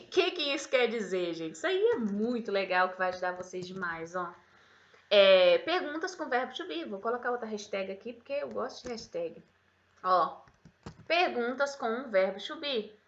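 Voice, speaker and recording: A woman teaching English in a casual, affectionate way, calling her viewers sweet names. Her voice is bright and fairly high. The room is echoey and the sound a little dull. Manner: chatty, affectionate, calls viewers "meu bem" and "gente"; slows right down to model English sentences. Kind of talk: online grammar lesson.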